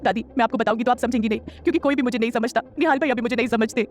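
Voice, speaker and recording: A man's voice: very high voice, very fast, darkish tone, pitched above the performer's own voice. A man voicing a tearful, lovesick young woman in an audio story. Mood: sulky. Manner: pleading, sulky.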